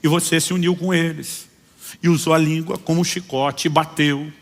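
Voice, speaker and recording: Pastor preaching in a reverberant hall. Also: male voice, on the high side, fairly even intonation, moderate pace. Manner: storytelling with acted-out dialogue, swings loud and soft. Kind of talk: sermon.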